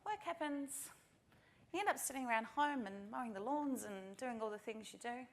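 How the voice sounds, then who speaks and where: Speaking into a presentation mic, a middle-aged New Zealand woman with a New Zealand accent gives a practical, earnest conference talk straight to the audience. Her voice is a little high with lively intonation, at normal speed.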